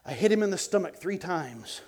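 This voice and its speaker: A middle-aged man, a guest evangelist, telling an animated testimony on a TV show, dropping to hushed tones and bursting out loud with chuckles. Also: normal speed. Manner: swings between hushed low tones and loud excited outbursts, chuckling.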